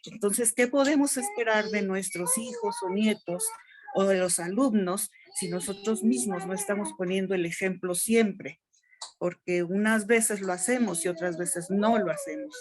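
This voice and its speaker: Loud, emphatic middle-aged woman. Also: mid-range voice, normal speed, background noise. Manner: loud, emphatic speaker who calls her own voice strong. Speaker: teacher. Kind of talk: participant in a teacher training discussion.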